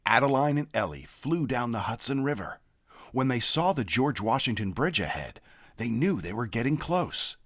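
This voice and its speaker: Telling the tale of a children's picture book, a man reads from the text with careful, expressive pacing. His voice rises and falls freely throughout.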